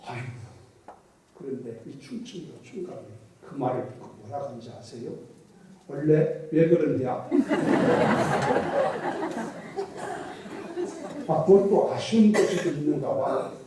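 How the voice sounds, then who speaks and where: Male pastor, middle-aged, joking storyteller, mellow voice, distant mic, roomy church echo. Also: medium pitch, lively intonation, brisk, some chatter behind, slight background noise. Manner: folksy storytelling with jokes and dialect impressions. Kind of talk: sermon. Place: church sanctuary.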